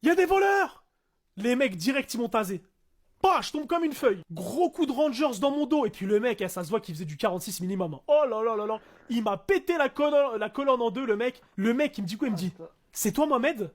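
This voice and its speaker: A man's voice: extremely high pitch, a little fast. A man telling a comic anecdote in casual slangy speech, animatedly acting out the people in it. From France. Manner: animated, acts out shouting cops and slangy street French. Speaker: storyteller.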